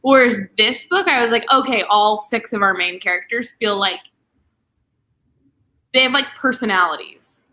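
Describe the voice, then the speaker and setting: A young booktube host runs a casual livestream book discussion, her voice a little high, pushed and bright. She's chatty, full of "like" fillers and quick asides.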